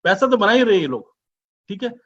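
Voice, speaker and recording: A man giving a business presentation as an informal sales pitch, chatty and persuasive, full of rhetorical questions and teasing asides. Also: big pitch swings, brisk, a bit bright. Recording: dull lo-fi recording.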